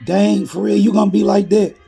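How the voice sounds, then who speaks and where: A man's voice: fairly high pitch, moderate pace, vocal fry, dark tone, slightly rough, faint music behind, exaggerated voice. A man quoting a pleading young street woman. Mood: indignant.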